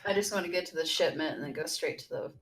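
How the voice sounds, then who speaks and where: A woman playing a tabletop game who talks briskly and keeps the group on track over an online voice call. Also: sits low, fairly bright tone, slight background noise. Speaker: player. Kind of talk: casual tabletop game chat.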